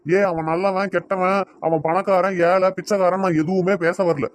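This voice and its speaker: A man's voice: high voice, flat delivery, moderate pace, no room sound, lightly acted. A man with a Tirunelveli Tamil accent voicing a stubborn middle-aged father in a cartoon, scolding his wife in an argument. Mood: heated. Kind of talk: cartoon voice acting.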